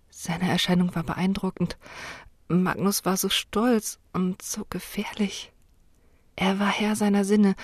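Woman narrating an audiobook in a dry, low voice. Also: no echo. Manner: expressive, heightened for dialogue lines. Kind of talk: scripted first-person narration.

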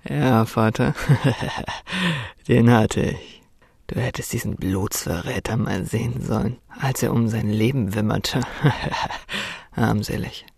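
A woman voicing a cocky, cruel young man who mocks and laughs, sometimes dropping to a soft menacing whisper, in a storybook reading. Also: very deep voice, unhurried, gravelly, breathy edge, dry recording, pitched below the performer's own voice, exaggerated voice. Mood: gloating.

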